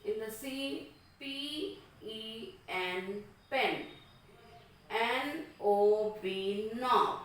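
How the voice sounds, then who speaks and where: Female schoolteacher, deliberate letter-by-letter phonics drill, distant mic with faint hiss. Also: fairly high pitch. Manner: spells words letter by letter, slow and deliberate. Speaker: school teacher. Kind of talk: classroom phonics lesson. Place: classroom. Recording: very echoey room, voice from far off, faint background hiss.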